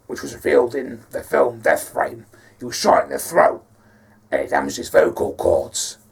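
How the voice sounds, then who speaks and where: Brief: raspy, breathy Scouse detective, put on by a man, throat-damaged and gruff, louder than the speaker's usual talk. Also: mid-range voice, far from the mic, full character voice.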